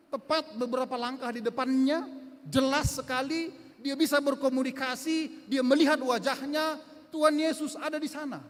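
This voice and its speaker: Man, pastor, sermon, very high-pitched, emphatic, repetitive, long church reverb. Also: a bit bright. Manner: emphatic, repeats key words, acts out quoted dialogue. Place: church sanctuary.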